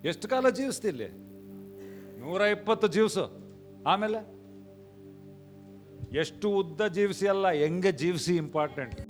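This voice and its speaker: A male pastor preaching a sermon in a church, mixing in English phrases, swinging from quiet acted dialogue to shouted peaks. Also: high-pitched, lively intonation, measured pace, pauses often, soft background music. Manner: mixes English phrases into Kannada.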